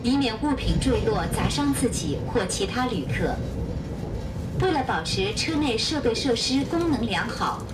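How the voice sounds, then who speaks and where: A woman making a formal, polite onboard announcement heard over a train loudspeaker. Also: on the high side, very animated, moderate pace, distant mic, very noisy. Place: inside a moving high-speed train.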